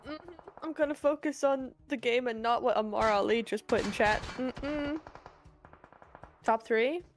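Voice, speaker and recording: A woman co-hosting a live esports watch party with short, relaxed reactions and dry humor. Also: on the high side, unhurried. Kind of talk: casual live co-commentary.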